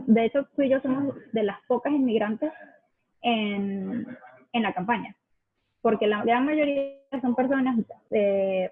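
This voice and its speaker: A young woman from Venezuela, chatting thoughtfully and a little hesitantly, often pausing to search for words. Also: a little high, dry recording. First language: Spanish. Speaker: guest sharing immigrant experience. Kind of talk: casual video chat. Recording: tinny dry call audio.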